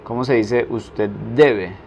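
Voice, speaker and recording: A man teaching a language lesson, slowly and deliberately repeating each phrase for practice. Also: medium pitch, darkish tone, a little hiss or hum. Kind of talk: French lesson taught in Spanish.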